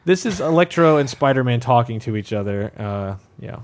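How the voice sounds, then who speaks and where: A man's voice: mid-range voice, expressive, moderate pace, faint music behind. A man hosting a casual chat about video games and presenting clips. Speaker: podcast host presenting game clips.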